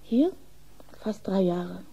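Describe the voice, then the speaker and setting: An actress playing a shy, flustered young nurse, hesitant and polite, with a soft breathy voice in a German horror radio play. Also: female voice, medium pitch, lively intonation, slow, dull audio, exaggerated voice.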